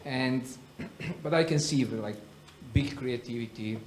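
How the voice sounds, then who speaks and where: Hesitant male panelist in a roomy hall. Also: mid-range voice. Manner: halting, many restarts. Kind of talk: panel discussion. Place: conference stage. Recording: roomy hall with faint noise.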